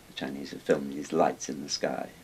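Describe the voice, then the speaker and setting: This older man from Wales has a very deep voice, a level tone and a normal speaking speed. As an interviewed expert on Chinese dragons, he explains things casually from a small, book-lined room indoors, with hiss in the background.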